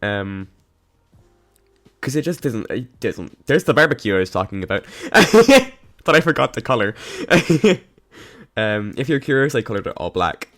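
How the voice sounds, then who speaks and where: A man with a hoarse, coughing voice gives a casual, rambling voice-over about a game build, with lots of ums, restarts and giggles. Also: mid-range voice, very animated, measured pace, fairly bright tone. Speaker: game builder narrating a speedbuild. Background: faint background music.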